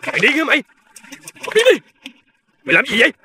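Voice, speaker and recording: A shouting, hot-headed gangster. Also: male voice, extremely high pitch, very animated, very fast, a little hiss or hum, full character voice. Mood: furious. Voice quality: shouting, heated, abrasive. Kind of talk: crime drama acting.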